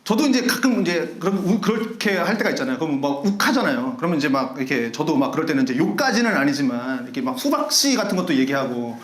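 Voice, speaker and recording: A man preaching a sermon as pastor, telling a story with lively acted-out shouts and laughter. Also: fairly high pitch, quick pace, hardly any pauses, roomy sound. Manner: animated storyteller acting out angry shouts and laughing. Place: church sanctuary.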